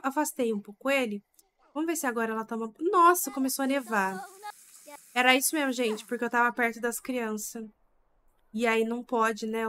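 A woman's voice: fairly high pitch, fairly bright tone. A young woman giving chatty, exclamation-filled commentary while playing a life-simulation game and talking to her viewers. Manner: chatty, exclaiming, talks to the audience as "gente". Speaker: gaming streamer. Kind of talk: casual let's-play commentary.

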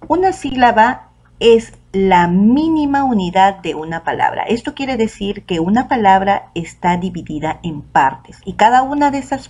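A woman teacher with a Peruvian Spanish accent, giving a recorded online lesson to children and saying the example words out slowly and clearly. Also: medium pitch, darkish tone. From Peru.

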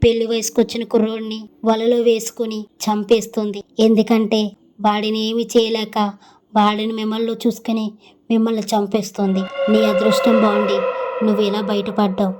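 A woman's voice: on the high side, monotone, normal speed, a little mellow, a little hiss or hum, lightly acted. A woman voicing a stern old grandfather who gives grave warnings in a storybook horror tale.

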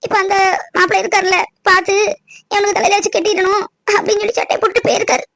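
ஒரு பெண் நடிக்கும் கவலையான கிராமத்து அம்மா. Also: female voice, very high voice, flat delivery, quick pace, fairly bright tone, no echo, clean studio sound. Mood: tearful pleading. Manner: pleading, anxious, tearful. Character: worried, tearful village mother, middle-aged. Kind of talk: cartoon voice acting.

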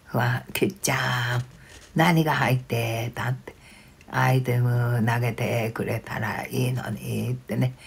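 An older woman chatting casually on a live stream, reading viewer comments aloud with frequent soft fillers. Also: rumbling low, steady tone, unhurried, creaky, breathy edge.

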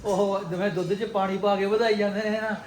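A man's voice: sits high, little pitch movement, fairly quick, rough recording. A man with a Punjabi accent hosting a casual home food vlog, exclamatory and fond of repeating catchphrases to his viewers. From Punjab, India. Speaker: vlog host.

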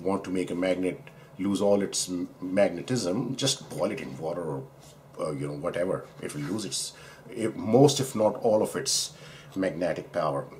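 A man's voice: low-pitched, darkish tone, slight background noise. A man from Pakistan, a doctor, chatting casually through a razor unboxing at his desk, rambling and correcting himself as he admires the parts. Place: indoors at a desk, overhead camera.

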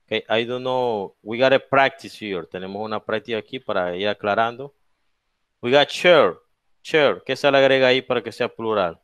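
A man's voice: mid-range voice, a bit bright, clean tone, dry recording, muffled recording. A man teaching English grammar to a class, explaining each rule in English and then in Spanish, often checking understanding with "okay?". He has a Latin American Spanish accent. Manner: slow, drawn-out spelling of letters and example words. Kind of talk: bilingual classroom lesson.

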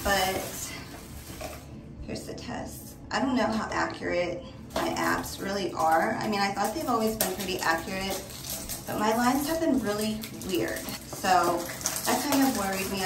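A woman filming a casual vlog, talking excitedly to her viewers and often saying "you guys.". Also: medium pitch, echoey room, background noise. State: out of breath. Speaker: vlogger. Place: home bathroom.

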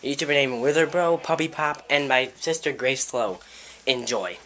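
A teenage boy vlogging in a fast, rambling, excitable way about a day out with friends. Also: mid-range voice. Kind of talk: casual vlog talk. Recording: music and crowd noise behind.

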